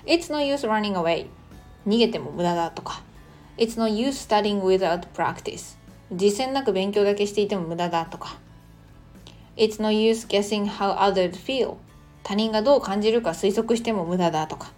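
Woman teacher, casual podcast style, chatty explanations with slow, careful English examples, faint music underneath. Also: medium pitch, a little mellow. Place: Australia.

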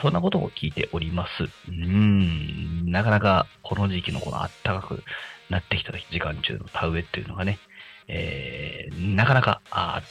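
A man hosting a casual community radio show, speaking politely and deferentially to listeners in a halting, apologetic way over guitar music. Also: low-pitched, creaky, fairly bright tone. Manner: halting, hesitant delivery. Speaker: radio host. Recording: music playing behind the voice.

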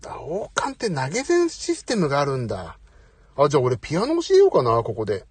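A middle-aged man with a slightly high, husky voice chatting on a live audio stream. His pitch swings widely as he talks, and he keeps apologizing and joking at his own expense. The sound is dry and close, as if spoken into a phone. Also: wildly swooping pitch, brisk, no echo. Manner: chatty, apologetic, self-deprecating. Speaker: host. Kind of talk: casual live audio chat. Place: parked outside, away from home.

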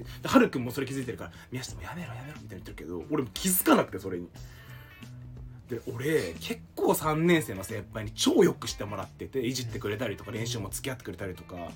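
A young man co-hosting a casual podcast, telling a story to friends, acting out quotes and bursting into loud exclamations. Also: medium pitch, big pitch swings, fast, soft background music. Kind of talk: casual chat among friends.

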